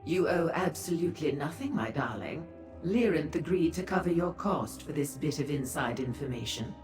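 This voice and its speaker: An actress playing a flirtatious, theatrical madam of a pleasure house in a fantasy video game, gushing coyly with drawn-out endearments. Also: female voice, sits low, lively intonation, a little mellow. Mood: coy, effusive. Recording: roomy echo with music behind.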